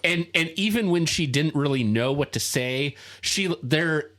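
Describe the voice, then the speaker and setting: A man co-hosting a casual podcast chat, talking haltingly with many fillers and restarts. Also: fairly high pitch, a bit bright. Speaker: podcast co-host.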